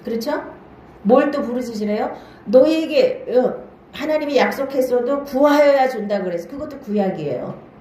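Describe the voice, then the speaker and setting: Her voice is high, expressive and mellow, at normal speed, with slight background noise. She's a pastor giving a Bible-study sermon in a church hall, introducing every point with a brief "now then" and frequently asking the audience questions to make sure they keep up.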